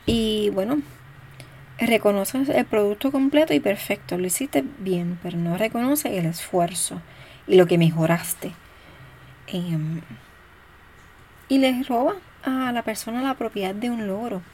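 A woman's voice: mid-range voice, a little slow, a little mellow. A woman speaking casually as a parenting educator, talking things through with fillers and acting out quoted voices. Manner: conversational, thinks aloud with fillers. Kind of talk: casual spoken talk on parenting.

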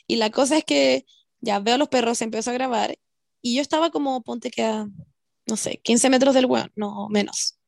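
A young woman with a Chilean accent telling a story to friends on a video call, animated and full of slang. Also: on the high side, normal speed, gravelly, dry recording, clean studio sound. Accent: Chilean Spanish. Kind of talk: casual chat.

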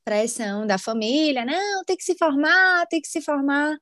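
A woman's voice: high-pitched, moderate pace, a bit bright, no room sound, studio quality. A woman, a guest chatting in a podcast interview and using many fillers. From Brazil. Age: 20s. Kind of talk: casual interview chat.

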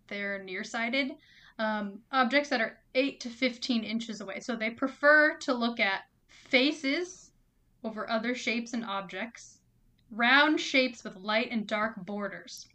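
Bright, fairly high-voiced woman co-host, casual, giggly fact-sharer. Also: lively intonation, slow pace. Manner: giggly, reads out facts with playful asides. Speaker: podcast co-host. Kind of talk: casual chat.

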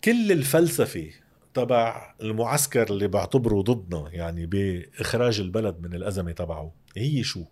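A man's voice: mid-range voice, a little mellow, breathy edge. A man with a Lebanese Arabic accent explaining economic matters emphatically as an interview guest, often posing rhetorical questions.

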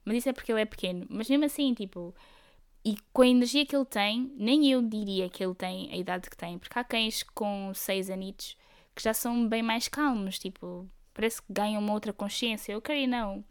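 A young woman with a European Portuguese accent hosts a solo podcast, chatting casually and rambling through stories in slangy speech sprinkled with English words. Her mid-range voice is brisk and smooth.

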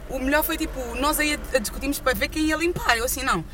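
Young adult woman, European Portuguese accent, casual podcast co-host; quick and bright, animated storyteller. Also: sits high, slight background noise. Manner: animated storytelling, acting out quotes. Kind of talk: casual chat.

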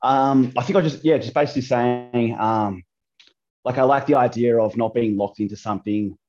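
A podcast guest from Australia, in his 30s, chats informally by call, hesitant and restarting his sentences with frequent ums. His mid-range voice moves at normal speed, heard through dull audio.

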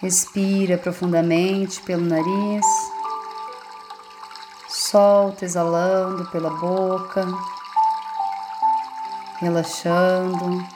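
In a lowish voice, a woman with a Brazilian accent guides a meditation. Her manner is soothing and unhurried, with lingering pauses separating short phrases.

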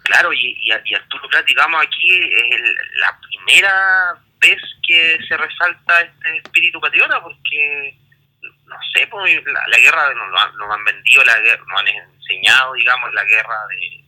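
A man's voice: mid-range voice, moderate pace, sharp tone, rough recording. A man with a Chilean accent casually discussing history, rambling with many restarts and fillers. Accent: Chilean Spanish.

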